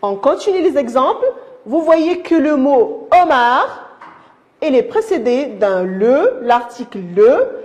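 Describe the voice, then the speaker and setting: Pitched high with wide swings and a darkish tone, a woman teaches young pupils in a recorded lesson. She's a primary school teacher who speaks to them warmly, going slowly, repeating herself and restarting words with patience.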